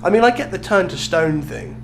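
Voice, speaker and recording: Over background music, a man co-hosting a podcast tells a story in casual chat, amused and explanatory. His voice sits high, is expressive, and moves a little fast, and the recording is clearly noisy with hum.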